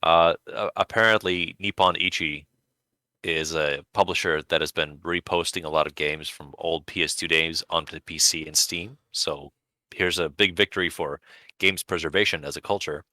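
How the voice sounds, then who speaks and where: A man's voice: sits low, steady tone, normal speed, pushed and bright, dry recording. A man co-hosting a podcast in casual chat, with dry, sardonic humor. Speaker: podcast co-host.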